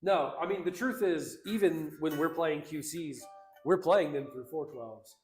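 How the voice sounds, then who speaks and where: A man's voice: on the high side, measured pace, echoey room, soft background music. A man co-hosting a casual livestream, reading out chat comments in an upbeat, slangy, rambling way.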